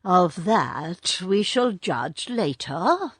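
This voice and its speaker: A woman's voice: low-pitched, big pitch swings, no echo, full character voice. Bagheera, a woman voicing a dry stern panther. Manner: dry, measured.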